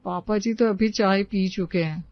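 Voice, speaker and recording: A meek, soft-spoken young sister-in-law, voiced by a woman in a storybook tale. The recording is dry and a little dull. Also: mid-range voice, steady tone, moderate pace, no room sound, voice pushed down, natural voice. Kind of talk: storybook voice acting.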